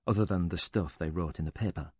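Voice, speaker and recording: A calm male interviewer in a spoken audiobook, measured and steady as he asks pointed questions, read by a man. The low, husky voice is recorded close and dry. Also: no echo. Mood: probing.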